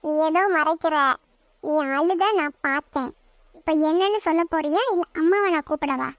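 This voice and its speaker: A woman's voice: sits high, normal speed, no echo, natural voice. A woman voicing a bratty, nosy little sister in a cartoon, with a whiny, tattling way of talking. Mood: nagging, tattling. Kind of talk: cartoon voice acting.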